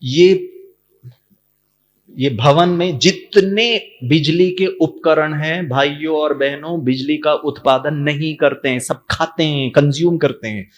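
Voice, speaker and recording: A man's voice: on the high side, slow. A man giving a spiritual class in a hall, telling stories and acting out the characters in them. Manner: animated storytelling, acts out the characters. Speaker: spiritual teacher.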